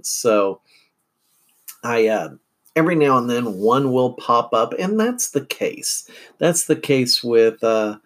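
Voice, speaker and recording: A middle-aged man from central Illinois hosting a casual morning podcast from home, rambling with many fillers and restarts. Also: medium pitch. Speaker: podcast host.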